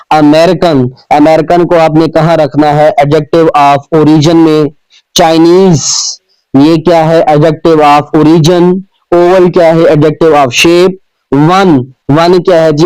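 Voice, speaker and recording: A man's voice: fairly high pitch, a little mellow, clear, resonant tone, dry recording, low-quality recording. A male teacher from Pakistan working through a school exercise, asking questions and answering them himself with frequent polite "ji" fillers.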